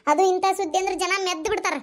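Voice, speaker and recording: A woman's voice: very high-pitched, steady tone, rapid-fire. A woman voicing a distraught middle-aged village mother in a cartoon, scolding and wailing in a North Karnataka Kannada accent. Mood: panicked. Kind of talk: cartoon voice acting.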